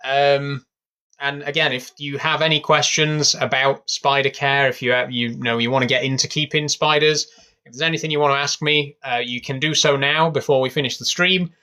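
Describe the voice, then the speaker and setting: Speaking at medium pitch and normal speed, this young man from England has a clear, resonant tone. He's on a live stream in his bedroom, relaxed and rambling, filling gaps with plenty of fillers.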